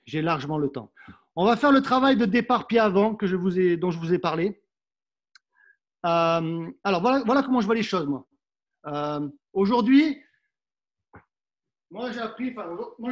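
Man, very high voice, fencing coach, middle-aged, coaxing, instructive, demonstrating while moving. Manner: coaxing, instructive, sprinkles "hein". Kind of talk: live online workout class.

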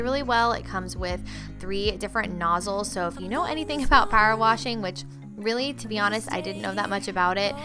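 Chatty young woman over background music. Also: mid-range voice. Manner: chatty, many "like" and "um" fillers. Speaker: lifestyle vlogger. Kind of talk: casual voice-over chat.

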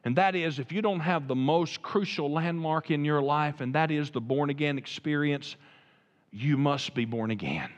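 A man's voice: on the high side, moderate pace, lo-fi sound. A man preaching a sermon as pastor, emphatic and building to fervent appeals. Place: church sanctuary. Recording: reverberant church sanctuary.

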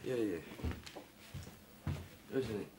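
A man's voice: fairly low pitch, lively intonation, slow, mellow, a little hiss or hum. An actor playing a meek homeroom teacher who answers his superior deferentially.

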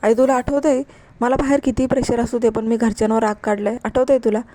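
A woman's voice: on the high side, little pitch movement, fast talker, mellow, dry recording, clean studio sound, close to an everyday voice. A woman reading an angry young husband. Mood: reproachful. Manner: short, reproachful questions. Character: angry young husband, stressed and sharp-tongued.

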